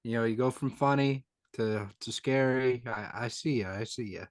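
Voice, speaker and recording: Casting: young male host, brisk jokey segment leader, dry close sound. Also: mid-range voice, no echo. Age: young adult. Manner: leads segments, joking and brisk. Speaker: podcast host. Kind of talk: casual chat.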